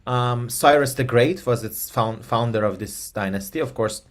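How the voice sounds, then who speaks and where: A guest expert, a man from Iran whose native language is Persian, answers interview questions in a medium-pitched voice at a normal pace. He sounds hesitant, often saying "um" and restarting his sentences.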